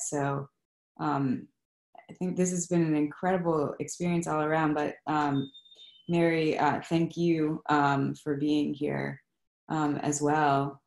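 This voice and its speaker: A woman's voice: deep voice, darkish tone, reverberant. A woman hosting an online event, speaking hesitantly with many fillers. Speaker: event host. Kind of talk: closing thanks.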